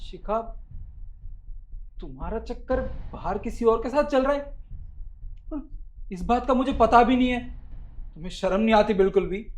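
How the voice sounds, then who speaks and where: A man's voice: sits high, moderate pace, pauses often, darkish tone, slight background noise, natural voice. A man playing a wronged husband who protests and pleads to be believed. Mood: pleading.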